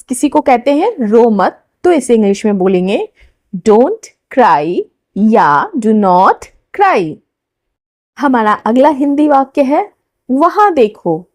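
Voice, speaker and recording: A woman teaching everyday English phrases in a slow, deliberate lesson, saying each phrase twice for learners to repeat. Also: on the high side, a little mellow, dry recording.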